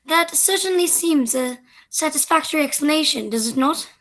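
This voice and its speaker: A woman's voice: sits high, lively intonation, normal speed, a bit bright. A woman acting a prim, romantic young society girl with formal speech in a radio play comedy. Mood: earnest, smitten.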